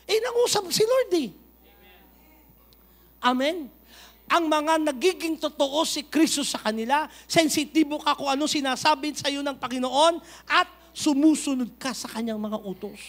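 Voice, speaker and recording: A middle-aged Filipino pastor preaches in church, his voice pitched unusually high for a man. He is animated, slipping between Tagalog and English and rising to a shout on key points. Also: normal speed. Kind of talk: sermon.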